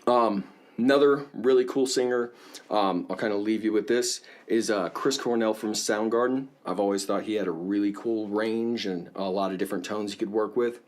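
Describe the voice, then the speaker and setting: A man teaching a casual singing lesson, explaining in a relaxed way and often checking in with the viewer. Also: lowish voice, normal speed.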